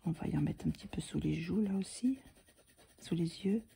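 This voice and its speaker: A woman giving a calm, soft-spoken coloring lesson, often dropping into a half-whisper as she explains each step. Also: on the low side, normal speed, vocal fry, slight background noise. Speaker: drawing tutor.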